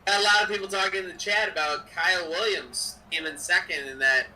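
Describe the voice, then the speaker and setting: A man's voice: high voice, fairly quick, sharp tone, recorded from a distance, slight background noise, low-quality recording. A young man co-hosting a game-sim stream, chatting casually and jokily while dropping in play-by-play calls. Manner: chatty, jokey, drops game calls between stories. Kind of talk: casual chat and play-by-play over a simulated football game.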